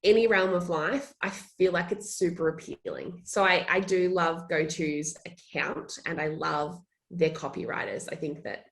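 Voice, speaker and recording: A woman's voice: lowish voice, steady tone, a little slow, gravelly, hardly any pauses. A young woman from Australia, a social media manager, chatting in a casual interview and laughing often.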